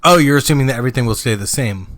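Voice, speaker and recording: A young man co-hosting a casual podcast, making provocative deadpan claims and swearing a lot. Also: mid-range voice, racing. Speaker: podcast co-host. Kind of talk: casual chat.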